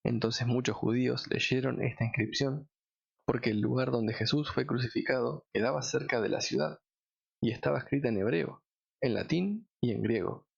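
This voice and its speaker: Gravelly man reading scripture aloud. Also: mid-range voice, moderate pace, highs cut off. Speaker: Bible reader.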